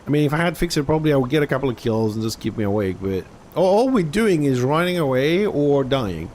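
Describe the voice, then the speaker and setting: Grumbling Greek-accented gaming streamer. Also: male voice, medium pitch, lively intonation, fast talker, a little mellow, slight background noise. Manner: grumbling, swearing, blunt; restarts and trails off mid-sentence. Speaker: gaming livestreamer. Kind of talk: casual live gameplay commentary.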